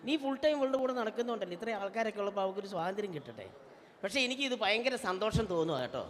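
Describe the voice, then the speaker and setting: A man's voice: high-pitched, animated, rapid-fire. A man playing a brash, teasing middle-aged auntie, bossing the crowd around as a stage comedian and emcee. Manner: loud, bossy, teasing, calls people up to the stage. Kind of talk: live stage comedy with audience banter. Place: convention hall stage. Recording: reverberant convention hall PA.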